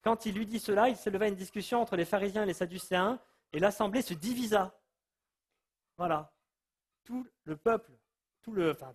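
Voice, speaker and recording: A man giving an informal Bible teaching, telling the story in a lively way and acting out the people he quotes. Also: high voice, slightly rough. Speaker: preacher.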